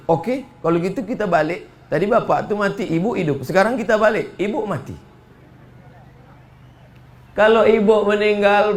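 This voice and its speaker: A male preacher giving a humorous sermon in a mosque, drawing out solemn lines slowly, then rattling off jokes and bursting into shouts. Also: sits high.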